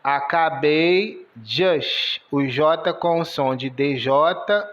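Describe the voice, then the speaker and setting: A man's voice: fairly high pitch, very slow, a bit bright. A man teaching English in a video lesson, spelling out sounds letter by letter.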